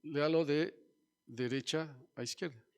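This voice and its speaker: A man's voice: on the high side, fairly even intonation, measured pace, clear, resonant tone. A man preaching a sermon as pastor, teaching and asking the congregation questions. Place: church.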